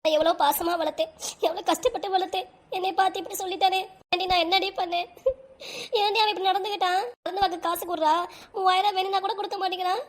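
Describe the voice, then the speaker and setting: A woman voicing a heartbroken, gentle elderly grandmother who talks in a tearful, plaintive way in a cartoon. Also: high-pitched, fast talker, close to an everyday voice. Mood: weeping. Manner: plaintive, lamenting. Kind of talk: cartoon voice acting.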